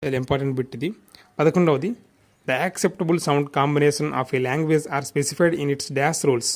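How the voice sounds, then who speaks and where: A man's voice: on the high side, steady tone, unhurried. A man with a Telugu accent teaching an exam revision lesson. He reads out quiz questions and their answers and explains them, moving between English and Telugu.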